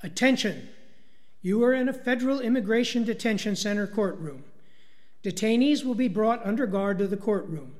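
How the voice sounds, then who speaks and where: A man's voice: high voice, expressive, moderate pace, darkish tone, in a large hall. A man giving scripted narration and formal, commanding announcements.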